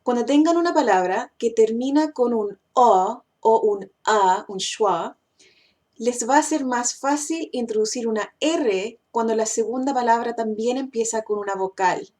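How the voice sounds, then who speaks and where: A woman's voice: fairly high pitch, a little mellow. A woman teaching English pronunciation in a casual, explanatory way, with frequent "eh" fillers as she thinks. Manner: slows down and stretches English example words.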